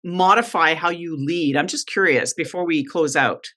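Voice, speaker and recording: A woman's voice: low voice, normal speed. A woman in her fifties from North America, a leadership coach giving encouraging advice as a podcast guest. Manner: encouraging, animated, advisory. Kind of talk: conversational interview.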